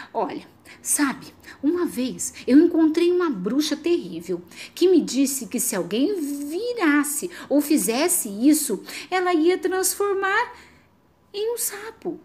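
A woman voicing a desperate male storybook character who melodramatically begs the reader not to turn the page. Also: a little mellow. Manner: frantic, melodramatic pleading with wild pitch leaps.

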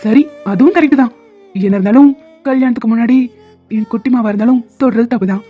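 A playful young man teases his sweetheart and flares up at his in-laws, as a woman voices him for a cartoon. The voice sits high and thin, squeezed through a narrow phone-like band. Faint music hums underneath. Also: lightly acted. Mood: teasing. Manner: bantering, teasing, quick-tempered. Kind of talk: animated series voice acting.

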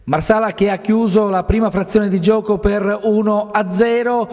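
High-pitched male sports presenter, reverberant. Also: steady tone, moderate pace, a little mellow. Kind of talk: match report narration.

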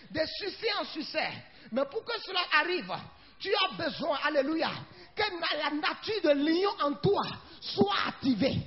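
A man preaching a fervent charismatic sermon, shouting, repeating phrases and calling out alleluia. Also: very high-pitched. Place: church service. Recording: dull lo-fi church recording.

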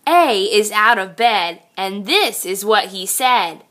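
Teacher lady doing a storybook read-aloud for kids, sing-song, really slow, bright high voice. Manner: expressive, sing-song, addressing young children. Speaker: teacher reading aloud to children. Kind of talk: children's picture-book read-aloud.

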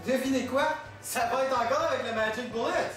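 A man's voice: very high-pitched, brisk. A young man with a Quebec French accent playing an eager grandson hosting an infomercial. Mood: upbeat selling. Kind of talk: parody infomercial presenting. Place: home kitchen, far camera. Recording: echoey kitchen, distant camera mic, music.

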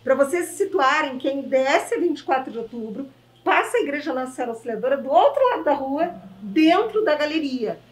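A woman's voice: high voice, lively intonation, brisk, roomy sound, far from the mic, low-quality recording. A woman from southern Brazil with a Gaúcho accent, hosting a TV show and chatting enthusiastically with a shop owner, often tagging her sentences with "né?". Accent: Gaúcho Brazilian Portuguese. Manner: effusive, chatty, keeps asking "né?". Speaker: TV show host. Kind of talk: enthusiastic on-location interview. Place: inside a small shop.

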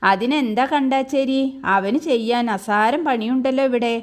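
A woman's voice: a little high, moderate pace, natural voice. A woman reading the part of an older matriarch of a noble household who speaks firmly but kindly. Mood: reassuring. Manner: commanding, reassuring.

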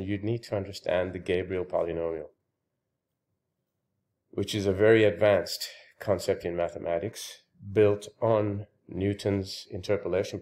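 A deep-voiced man talks through a calculus explanation as the host of his own channel. His delivery is halting, with many pauses and restarts, and he sounds a little out of breath. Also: warm tone. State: slightly out of breath. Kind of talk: explanatory math lecture.

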